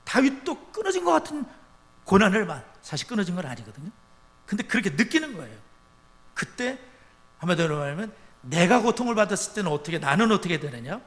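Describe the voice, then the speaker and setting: A male pastor preaching a sermon in a church, with emphatic loud rises and quiet drops. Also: sits high, sing-song, fast talker. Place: church sanctuary. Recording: church sanctuary with long reverb.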